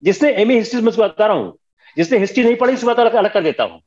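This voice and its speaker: Brief: older male lecturer, high lively voice, stern classroom manner, dull lo-fi recording. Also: rapid-fire. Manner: firm, scolding, mixes Hindi with English. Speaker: history teacher.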